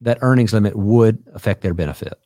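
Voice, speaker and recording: A man's voice: on the low side, fast, mellow, no echo, clean studio sound. A man hosting a call-in advice show, explaining things to callers in a patient, plain way. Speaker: host.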